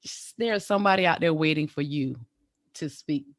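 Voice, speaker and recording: A woman's voice: low-pitched, moderate pace, studio quality. A woman hosting a podcast who affirms her guest and echoes back her words. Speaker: podcast host. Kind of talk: casual interview talk.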